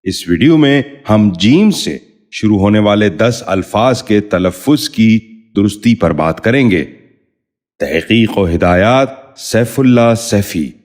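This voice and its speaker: A middle-aged man reading a formal, scripted pronunciation lesson, saying each word slowly and carefully and repeating it. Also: lowish voice, expressive, a little mellow. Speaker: Urdu pronunciation teacher.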